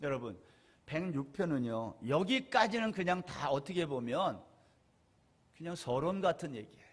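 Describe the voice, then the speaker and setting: A man with a high, light voice preaches a Sunday sermon. He asks his listeners questions and swings between loud, stressed phrases and soft, low asides. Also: expressive, normal speed, breathy edge. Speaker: pastor.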